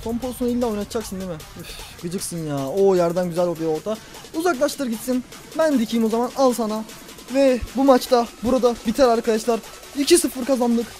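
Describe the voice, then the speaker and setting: A young man commentating his own football video game play, talking to himself and the players and yelling at big moments. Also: extremely high pitch, quick pace, soft background music. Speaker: gaming YouTuber.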